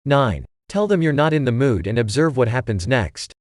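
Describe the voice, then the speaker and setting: A man narrating a scripted advice list in an even, measured way. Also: medium pitch, no echo, studio quality.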